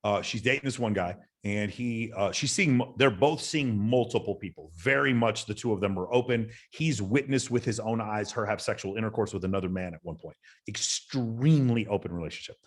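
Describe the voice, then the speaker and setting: A man's voice: on the low side, a little fast. A man talking as a guest on a podcast, telling stories in a blunt, emphatic and profane way. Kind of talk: casual podcast chat.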